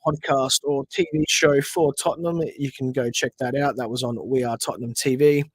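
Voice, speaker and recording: A man's voice: mid-range voice, fairly even intonation, moderate pace, breathy edge, dry recording. An Australian man hosting a casual livestream football watch-along, chatting, reading viewer questions and venting at players. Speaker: podcast host. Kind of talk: casual livestream match commentary.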